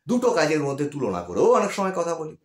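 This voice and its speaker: High, lively-voiced male teacher. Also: quick pace. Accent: West Bengal Bengali. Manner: patient, repeats key words, frequent check-in questions. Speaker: English grammar teacher. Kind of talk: classroom-style grammar lesson. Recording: echoey room.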